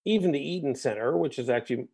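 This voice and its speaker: An American guest musician talks fast and expressively in a reflective interview conversation, wandering discursively while checking in with "right?" and "you know". His voice is medium-pitched, gravelly, slightly rough and darkish in tone.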